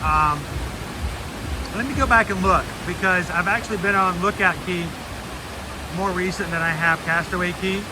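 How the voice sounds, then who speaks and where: A man chatting casually as a livestream host, self-deprecating, with soft R's that sound like W's. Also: sits high, normal speed, long pauses, noisy background. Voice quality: can't pronounce R's, says w for r. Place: outdoors at a theme park. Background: music.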